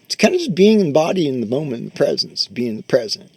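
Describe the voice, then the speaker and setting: Animated, casual male meditation teacher. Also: a little high, quick pace, slightly rough, dry recording. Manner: loose, conversational, swears casually, many fillers. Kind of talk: casual dharma talk with guided meditation. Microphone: close microphone.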